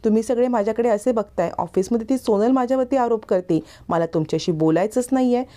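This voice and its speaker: A woman voicing a young man with a childlike mind, bewildered and upset, speaking in a high, plaintive, pleading way. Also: lively intonation, normal speed, dark tone. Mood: tearful.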